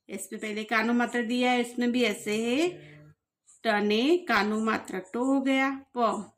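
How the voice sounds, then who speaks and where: A woman teaching a spelling lesson, patiently sounding out each syllable and repeating it. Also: fairly high pitch.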